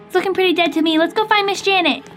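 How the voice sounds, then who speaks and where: Very high-pitched young woman playing along. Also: steady tone, very fast, fairly bright tone. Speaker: gaming video host and player. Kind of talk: playful improvised story role-play while gaming. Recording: music behind the voice.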